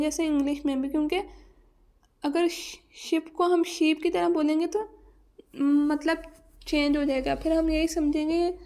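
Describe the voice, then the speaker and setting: A Pakistani woman teaching a lesson on pronunciation, reading English points slowly and then explaining them in Urdu. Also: high voice, a little mellow.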